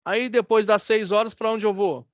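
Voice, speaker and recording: High-voiced Brazilian instructor on a video call. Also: male voice, steady tone, normal speed, no room sound, lo-fi sound. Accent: Brazilian Portuguese. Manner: conversational, checks in with students often. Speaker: course instructor. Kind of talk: online class lecture.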